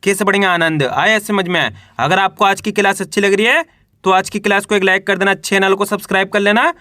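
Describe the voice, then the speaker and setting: A man's voice: high voice, brisk, bright, forceful tone, no echo, clean studio sound. A man teaching Hindi reading, sounding out each syllable, blending it into a word and repeating it, and asking the viewer questions. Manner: asks the viewer questions and coaxes them to try. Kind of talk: slow syllable-by-syllable reading lesson.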